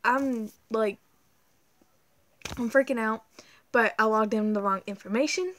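A young woman, rambling excitedly in a casual vlog to her tablet camera, full of ums and likes. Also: fairly high pitch, measured pace. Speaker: vlogger. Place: indoors at home, dim room. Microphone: tablet camera held close.

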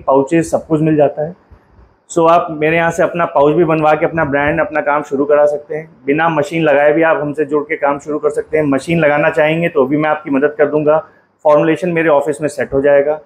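A man in his thirties from India, giving a phone-filmed factory tour and then a sales pitch to viewers from a small office, speaking in a direct, persuasive way. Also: a little hiss or hum, poor audio. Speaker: detergent company owner and trainer. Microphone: phone at arm's length.

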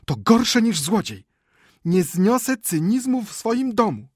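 A man reading an audiobook and voicing a frightened, indignant wife in a shrill, pleading voice. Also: very animated, normal speed, husky, no room sound, studio quality. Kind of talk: audiobook character voice.

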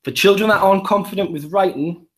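A man's voice: high-pitched, fast talker. A man with a Geordie accent, a primary school teacher, walking through an app demo step by step in an upbeat way. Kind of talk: live app demonstration.

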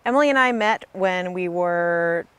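A woman's voice: fairly low pitch, unhurried. A young woman co-writer of a musical, speaking earnestly and articulately in a documentary interview. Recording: music playing underneath.

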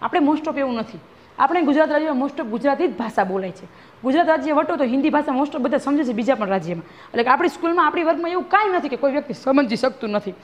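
Quick, high-voiced woman teacher. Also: animated. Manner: reads a line then re-explains it, often asking "બરાબર છે?". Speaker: schoolteacher. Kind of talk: classroom reading and explaining a textbook lesson.

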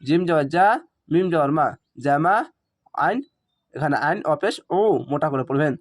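A man with a fairly high voice leads a Quran reading lesson built on spelling-out recitation. He sounds out the Arabic syllables slowly, one by one, then rushes through explanations in quick, relaxed, conversational asides.

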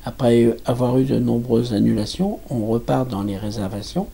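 Gravelly older man, halting speech. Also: mid-range voice, dark tone. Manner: halting, many restarts and fillers. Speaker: campsite manager. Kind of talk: interview. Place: small indoor office.

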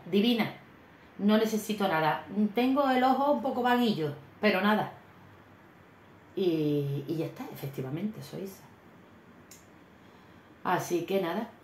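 A middle-aged woman, chattily telling a personal anecdote in a casual vlog, animated and full of exclamations. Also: sits low, slight background noise. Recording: echoey room with faint ambience.

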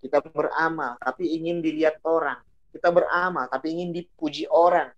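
A woman's voice: low voice, animated, fairly quick, dull audio. A woman giving a casual religious talk. She repeats phrases for emphasis and swings her delivery expressively. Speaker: religious speaker.

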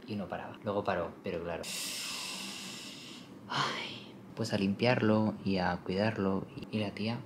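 A young man chats to his camera at home in a casual vlog. His voice sits fairly low and is picked up by a compact camera mic, with a faint hiss behind it. He is playful and self-mocking, dropping in English phrases as he goes. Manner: chatty, mixes in English phrases. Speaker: vlogger.

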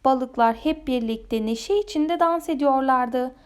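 Woman reading a kids' storybook, gentle and expressive, high voice, slow pace. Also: smooth. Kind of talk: children's storybook read-aloud.

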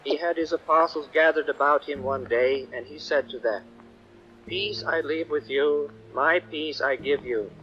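A priest from Kansas delivering a measured, solemn sermon, heard through an old 1950s radio broadcast recording. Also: male voice, fairly high pitch. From Kansas, United States. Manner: measured, solemn preaching with prayer and blessing. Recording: muffled old radio broadcast with faint music.

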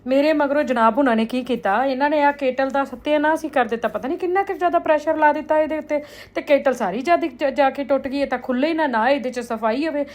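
A woman from India talks to her viewers in a high, rapid voice. Her vlog delivery is casual and chatty, as if confiding household stories to close girlfriends. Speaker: vlogger.

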